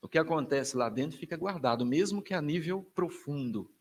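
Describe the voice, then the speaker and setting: Emphatic Brazilian priest, slightly high voice. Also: male voice, expressive, a little fast. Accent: Brazilian Portuguese. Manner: emphatic, colloquial, with wide swings in pitch and loudness. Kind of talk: lecture to families.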